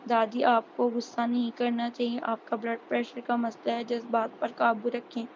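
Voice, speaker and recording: A caring, anxious young woman speaks, read out by a woman narrator. The voice is high and holds one level tone. The recording is dull and carries a faint hiss. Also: lightly acted. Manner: flat monotone reading.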